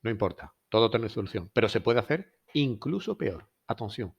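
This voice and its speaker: A man's voice: lowish voice, very animated, normal speed, gravelly, husky, dry recording, muffled recording. A man teaching a French lesson in a chatty way, often asking rhetorical questions. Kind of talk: recorded lesson.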